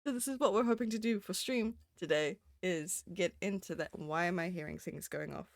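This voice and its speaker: Speaking briskly with vocal fry, this Southern Hemisphere woman has a low-leaning voice captured cleanly in studio sound with no room tone through a desk mic. She's live streaming, giggling, using many fillers, slightly sniffly with a cold.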